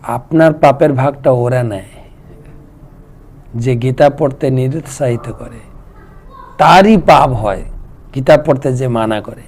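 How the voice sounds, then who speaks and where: A man's voice: mid-range voice, slow pace, pauses often, darkish tone. A man, a monk who reads out devotees' questions and answers them with homely examples in a devotional talk.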